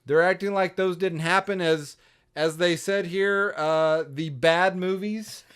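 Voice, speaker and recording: A man co-hosting a podcast in casual chat, jokey, with quick bursts of enthusiasm. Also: high-pitched, fairly even intonation, fairly bright tone, clean tone. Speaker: podcast co-host and voice actor.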